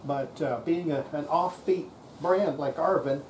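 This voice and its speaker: With a darkish mid-range voice and a measured pace, an older radio repairer gives folksy, informal commentary while restoring a radio at an indoor bench. Clicks and noise fill the workshop camera recording.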